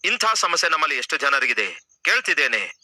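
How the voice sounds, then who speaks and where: A man preaching with a high, very bright and forceful voice. He is dramatic, acting out the people in his story with wide swings of pitch, then leads a prayer. It sounds close and dry. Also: big pitch swings, a little fast, no room sound, rough recording. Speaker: pastor. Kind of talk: sermon and closing prayer.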